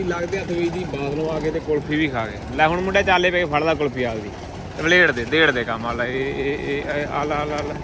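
A man's voice: a little high, noisy background. A man with a Malwai Punjabi accent, chatting casually to camera about his pigeons. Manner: chatty, jokey, talks to boys and pets around him. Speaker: pigeon keeper vlogger. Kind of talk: casual vlog talk to camera.

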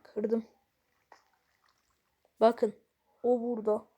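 A woman's voice: on the high side, level tone, drawn-out words, dark tone, breathy edge. A woman giving casual let's-play commentary, exasperated and grumbling at the game while talking straight to her viewers. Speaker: gaming video creator.

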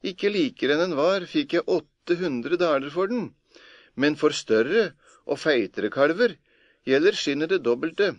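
A man's voice: a little high, lively intonation, dry recording, pitched above the performer's own voice, lightly acted. Man doing a cheeky young farm lad, cocky, offhand, slightly raised voice, dry muffled audiobook. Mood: boastful. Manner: sly, cocky, nonchalant.

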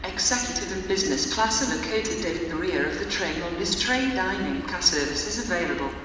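An announcer making formal, evenly paced station announcements over a public address loudspeaker. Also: medium pitch, lively intonation, brisk, lo-fi sound. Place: large train station hall. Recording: echoey station hall from far off. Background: loud station noise.

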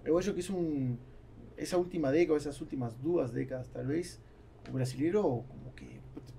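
Brisk and mellow with some vocal fry, this fortyish Argentine man sits on the high side as he chats casually as a guest entrepreneur, mixing in Spanish words from his native tongue. He's recorded on a boom-arm studio mic in a small foam-padded studio, with slight hiss or hum.

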